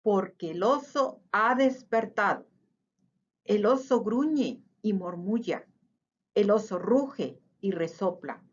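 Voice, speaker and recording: A woman reading a children's picture book aloud in an expressive, sing-song way. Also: medium pitch, slow, breathy edge, dull audio. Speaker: storyteller.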